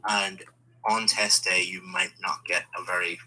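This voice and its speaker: A man with a very low voice, giving patient feedback as a speaking examiner. He sounds encouraging and explains each point. Steady background noise sits behind him. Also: a little slow, poor audio. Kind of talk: giving spoken exam feedback.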